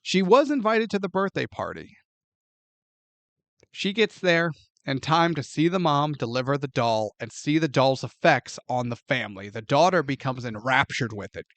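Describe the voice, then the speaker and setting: A man co-hosting a movie podcast, retelling a plot with mounting disbelief and plenty of swearing. His voice sits fairly high. The sound is dry and close, with no room around it. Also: measured pace, no echo. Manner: animated, profane, incredulous plot recap. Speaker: podcast co-host. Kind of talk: casual movie review chat.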